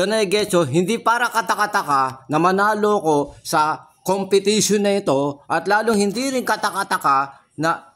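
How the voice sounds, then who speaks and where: A man's voice: sits high, fairly bright tone. A young man with a Filipino accent, talking through his trading results in a casual vlog, frustrated, swearing often and repeating himself. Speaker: trading vlogger. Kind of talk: casual screen-share commentary.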